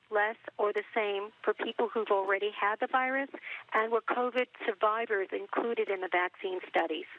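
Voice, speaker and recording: A woman calling in to a news program over a clipped phone line, asking polite, direct questions. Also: a little high. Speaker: caller. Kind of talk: call-in question.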